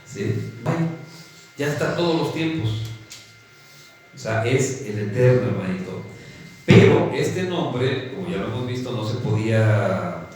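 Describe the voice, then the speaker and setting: A man's voice: lowish voice, expressive, a little slow, a little mellow, a little hiss or hum. A man with a Mexican Spanish accent preaching a teaching sermon, who keeps checking in with his listeners by asking "¿sí?" and calls them "hermanitos". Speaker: pastor. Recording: echoey hall from a distant mic, faint ambience.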